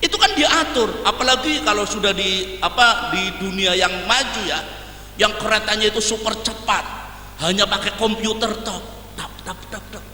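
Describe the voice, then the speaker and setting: Male preacher, very high and piercing voice, animated teaching with acted-out scenes, distant mic in a reverberant hall with faint hum. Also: normal speed. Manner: conversational teaching, mixing in Javanese and Arabic phrases; animated, acts out everyday scenes. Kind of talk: sermon.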